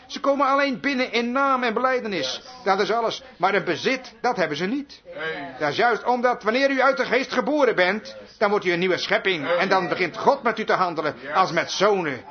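A fervent male preacher with a high voice, firing rhetorical questions and answering them himself. He repeats his key lines for weight. The recording sounds dull and lo-fi, like an old sermon tape. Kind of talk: revival sermon with altar call.

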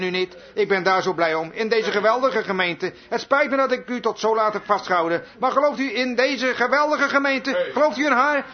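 High-voiced fervent preacher, lo-fi recording. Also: male voice. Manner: fervent, rhetorical questions and repetition. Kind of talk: revival sermon with altar call. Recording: dull lo-fi sermon recording.

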